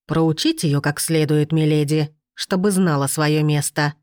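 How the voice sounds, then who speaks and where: Lady putting on a low slow rumbling nasty housekeeper, dry close sound. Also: steady tone, a little mellow, dry recording. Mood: spiteful. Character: coarse ugly spiteful housekeeper woman.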